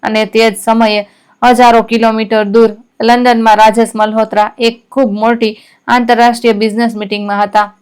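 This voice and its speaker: Clear-voiced woman narrating a story. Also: on the high side. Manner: steady, even, measured reading.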